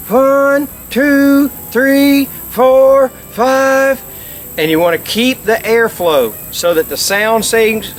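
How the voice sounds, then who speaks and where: A man's voice: high voice, a bit bright. A middle-aged man giving an instructional how-to demonstration outdoors, explaining with emphatic repetition. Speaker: instructor, game call company presenter. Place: outdoors by a lake.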